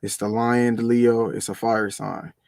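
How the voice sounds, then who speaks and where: A man's voice: mid-range voice, steady tone, unhurried, vocal fry, a little mellow, no echo. A man, explaining ideas in a loose, conversational way as co-host of a spiritual talk. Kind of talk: casual spiritual discussion.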